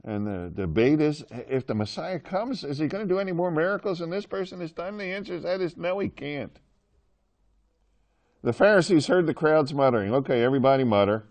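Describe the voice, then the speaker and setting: A man's voice: a little high, animated, normal speed, darkish tone. Joking, chatty male Bible teacher. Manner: chatty, joking with the class, asks questions. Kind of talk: classroom Bible lesson.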